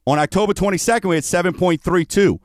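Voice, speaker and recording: A man's voice: sits high, fast, no echo, studio quality. A man from New Orleans hosting a radio show, talking to listeners in a folksy, chatty way. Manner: folksy, chatty direct address. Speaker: radio show host, mortgage professional. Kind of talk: radio talk and sponsor reads.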